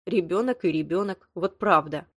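A woman's voice: on the low side, normal speed, husky, dry recording, clean studio sound. A woman reading a blunt, hot-tempered young man. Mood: heated. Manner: blunt, sharp, exasperated. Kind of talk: audiobook dialogue reading.

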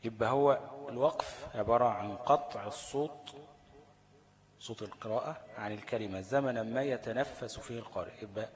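A man with an Egyptian accent teaching Quran recitation rules. He reads definitions slowly, then explains them in colloquial speech and keeps asking his students check-in questions. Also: medium pitch. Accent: Egyptian Arabic. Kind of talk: explanatory lesson. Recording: long hall reverb.

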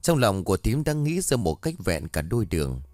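A man reading a ghost story in a dramatic, expressive way. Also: on the low side, fairly quick, dry recording, studio quality. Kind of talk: scripted ghost-story narration.

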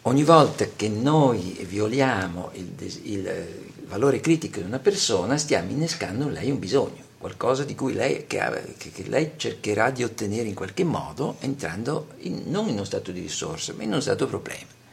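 Gravelly, lively-pitched male lecturer. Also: a little hiss or hum. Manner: measured, with frequent pauses and "eh" fillers. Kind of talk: spoken lecture.

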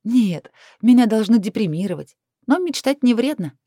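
A woman voicing a feisty, sharp-tongued young heroine who speaks sarcastically. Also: fairly high pitch, very animated, moderate pace, no room sound, studio quality, pitched above the performer's own voice. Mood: playful. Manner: sarcastic, emphatic.

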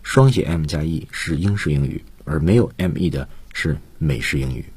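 A man teaches English on an educational radio lesson and patiently explains grammar, mixing English terms into his talk. His voice is very low and husky. The sound is dry and close, with no room in it. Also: expressive, moderate pace, darkish tone, dry recording. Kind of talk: explanatory lecture. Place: radio studio.

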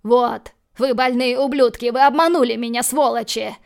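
A woman acting out a spiteful young addict in an audiobook, raising a shrill, strained voice as he yells and begs. The pitch stays narrow and flat, with a gravelly fry running under it. He sounds cornered and whiny. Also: fairly quick. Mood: shouting. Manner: shrill, pleading outbursts. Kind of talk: audiobook character voicing.

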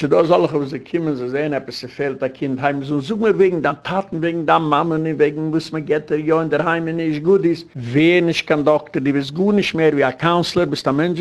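A man's voice: a little high, vocal fry. A man speaking as a rabbi, giving an earnest lecture full of advice, with English words mixed into his speech.

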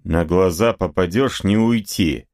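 A man voicing a gruff, blunt cossack who speaks in curt threats, in a novel reading. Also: low voice, a little slow, a little mellow.

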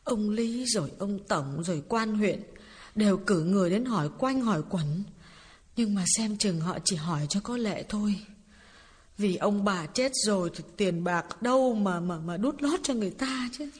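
A woman's voice: mid-range voice, expressive, moderate pace, slightly rough. A woman voicing a grieving older mother who tells a family tragedy tearfully and earnestly, in an audiobook. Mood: sorrowful. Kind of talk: audiobook dialogue reading. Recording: reverberant with background music.

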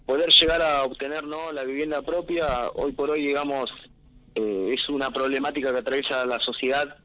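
A young man with a Rioplatense Argentine accent, heard over a speakerphone call as he gives a live field report from an outdoor event, talking in a relaxed, chatty way and leaning on fillers. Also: mid-range voice, moderate pace, low-quality recording. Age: young adult. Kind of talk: live phone-in report on a radio show. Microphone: mobile phone.

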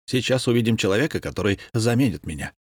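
A man voicing an excited male scientist. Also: on the low side, fast talker, breathy edge, no room sound, clean studio sound. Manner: excited, explanatory.

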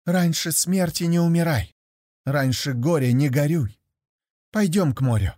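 A man voicing a clever young wife who knows magic and calmly advises her husband. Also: on the high side, measured pace, no echo, studio quality, pitched above the performer's own voice, close to an everyday voice. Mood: knowing. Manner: calm, knowing counsel.

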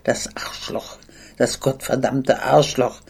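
A blood-smeared lieutenant hisses and then rushes out his curses, as an older woman reading her memoir puts him on. The voice is dark and low, with a clipped, furious edge. It belongs to a spoken audiobook. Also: fairly even intonation. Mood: enraged.

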